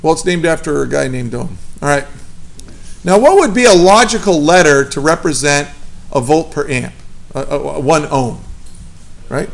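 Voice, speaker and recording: High, gravelly male teacher, casual chatty lecture style. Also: lively intonation, moderate pace. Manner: casual, chatty, asks the class questions. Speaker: physics teacher. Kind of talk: classroom lecture.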